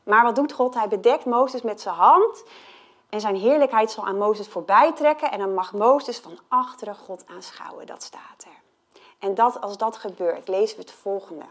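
A woman giving a sermon, speaking earnestly and with emphasis, sometimes dropping to a hushed tone on key points. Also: medium pitch, normal speed. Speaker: preacher.

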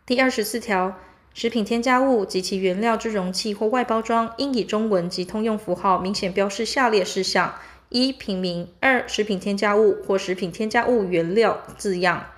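A woman's voice: medium pitch, moderate pace. Woman formally reading out legal text. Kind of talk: formal read-aloud of statute articles.

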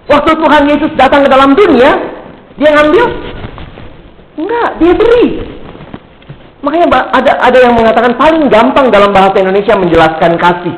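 A man giving a humorous youth sermon, telling stories in a lively way, teasing his listeners and asking rhetorical questions. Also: extremely high pitch, brisk, long pauses. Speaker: youth speaker. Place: large hall. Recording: echoey hall, faint background hum.

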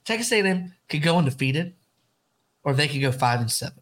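A man co-hosting a casual sports podcast, animated and emphatic, often repeating himself. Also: a little high, a little fast. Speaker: podcast co-host.

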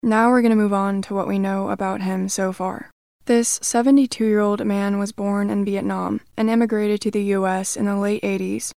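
A woman delivering scripted true crime narration in an even, measured way. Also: medium pitch, creaky, no echo, studio quality.

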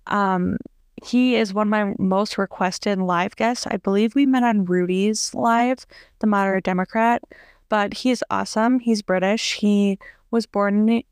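A woman's voice: medium pitch, fairly even intonation, unhurried, clean tone, dry recording, clean studio sound. Chatty woman hosting a podcast. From United States. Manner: chatty, loose, with many fillers and restarts. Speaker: podcast host. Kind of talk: casual podcast interview.

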